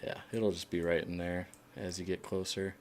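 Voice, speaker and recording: A man streaming a game, chatting casually with other players in a relaxed, hesitant way with many fillers. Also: low-pitched, moderate pace, slight background noise. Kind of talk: casual voice chat while playing.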